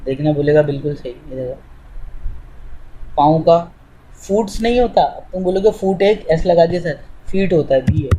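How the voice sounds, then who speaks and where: A man's voice: on the high side, normal speed, dark tone, a little hiss or hum, rough recording. A man teaching English, explaining step by step in an informal way to a student while demonstrating on screen.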